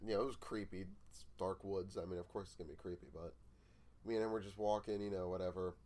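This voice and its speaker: A man's voice: deep voice, fast. A young man co-hosting a podcast, telling a story in casual chat and laughing as he goes. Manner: laughing storyteller, animated retelling. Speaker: podcast co-host.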